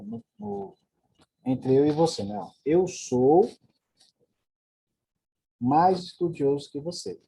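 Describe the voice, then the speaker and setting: A man with a Brazilian Portuguese accent and a fairly high, warm, breathy voice teaches an English grammar lesson. He explains things patiently and checks in with his students.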